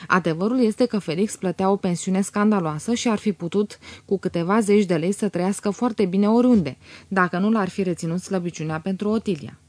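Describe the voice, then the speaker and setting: Brief: female audiobook narrator, measured literary reading, dry close mic. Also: medium pitch, darkish tone, no echo. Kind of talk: scripted narration.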